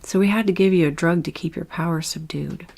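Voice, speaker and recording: Woman doing a calm alien guard reassuring a prisoner, low voice, storybook. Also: fast, creaky.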